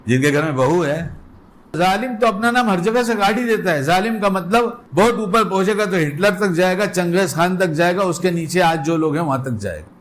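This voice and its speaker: A man's voice: high-pitched, animated. A man delivering an Islamic sermon in a colloquial way, putting rhetorical questions to his listeners. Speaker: preacher.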